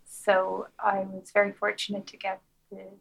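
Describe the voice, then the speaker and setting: A woman's voice: mid-range voice, monotone, moderate pace, gravelly, fairly bright tone, husky, low-quality recording. A woman with a west of Ireland accent giving conversational interview answers as a researcher, hesitating and repeating words as she goes. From Galway, west of Ireland. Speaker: interview guest, academic researcher.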